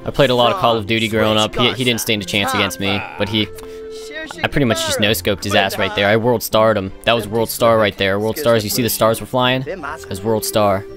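Male gaming commentator, casual and sarcastic, prone to loud mock-outraged bursts, music underneath. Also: lowish voice, steady tone, fairly quick. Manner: sarcastic, mocking running commentary with sudden loud outbursts.

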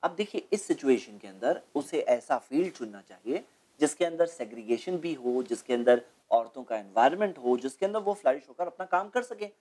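A man's voice: medium pitch, lively intonation, moderate pace, dark tone, breathy edge. Male guest speaker, studio interview, lecturing and explanatory, fond of rhetorical questions. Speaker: guest speaker on Islamic topics.

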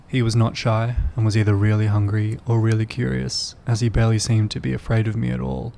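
A young man narrating his solo hiking trip in a calm, easygoing, understated voice-over. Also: fairly low pitch, fairly quick, creaky, slight background noise. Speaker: vlogger. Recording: voice-over with loud background music.

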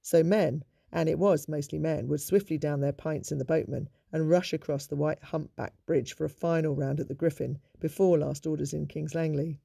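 A man giving a measured, informative narration of local history in a scripted documentary style. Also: a little high, steady tone, gravelly, dark tone, breathy edge, no echo, clean studio sound.

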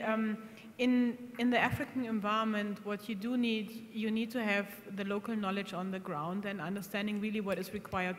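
A woman executive speaking on a conference panel in a measured way, with fillers, into a table microphone. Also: mid-range voice. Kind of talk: panel discussion. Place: conference hall stage, seated. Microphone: table microphone on stand. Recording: hall reverb, faint background noise.

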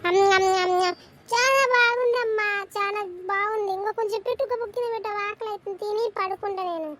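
A woman plays a small cartoon girl who whines and tattles. The voice is squeaky high and brisk, with a faint hiss behind it. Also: a bit bright. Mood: pleased. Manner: whining, calling out "amma" repeatedly. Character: hungry whiny little girl, cheeky. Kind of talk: cartoon voice acting.

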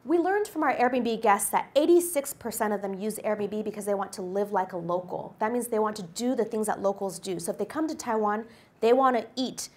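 A woman in her forties speaks into a handheld microphone on a lecture hall stage, giving a guest lecture as a company executive. Her voice sits at an ordinary middle pitch. She tells personal anecdotes to the class with an upbeat, storytelling energy. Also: a little mellow. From United States. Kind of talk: presentation to a university class.

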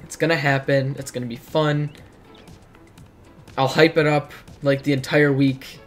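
A teenage boy, hoarse after hours of streaming, chats and rambles casually while reacting to his chat from a dim bedroom. His medium-pitched voice is flat and unhurried, with faint music behind him.

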